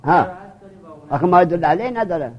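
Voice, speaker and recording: Teacher, male, high pitch, drills and prods students through a grammar lesson; dull lo-fi recording. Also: lively intonation.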